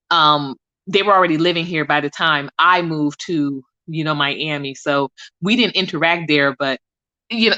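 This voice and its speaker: A woman's voice: on the low side, pushed and bright, no room sound. A woman hosting a casual live audio chat, talking in a rambling way with many fillers. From Bahamas. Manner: chatty, rambling with frequent fillers. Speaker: host. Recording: dull, dry lo-fi sound.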